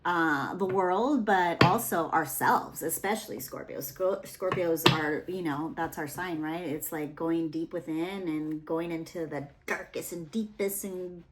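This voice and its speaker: A woman's voice: on the low side, unhurried, hardly any pauses, a little hiss or hum. A young adult woman giving a casual, rambling tarot reading, full of fillers and asides. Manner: rambling, chatty, with many fillers. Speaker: tarot reader.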